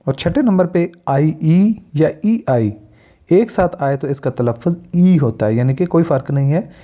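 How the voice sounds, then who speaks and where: A Pakistani English teacher gives a spoken pronunciation lesson, his dark yet fairly high, expressive voice moving slowly. He's deliberate, listing example words one by one, and the recording is dull and lo-fi.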